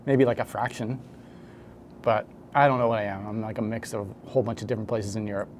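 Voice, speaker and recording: A man's voice: lowish voice, fairly even intonation, fast talker, darkish tone, a little hiss or hum. Rambling man chatting casually. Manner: rambling, self-correcting, hesitant. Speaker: home brewer vlogger. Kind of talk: casual talk to camera.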